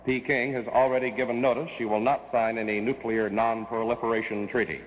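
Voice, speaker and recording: A man's voice: medium pitch, level tone, brisk, lo-fi sound. American network newsman with long reverb. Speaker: network radio newscaster. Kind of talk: scripted 1960s radio news. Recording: reverberant vintage radio broadcast.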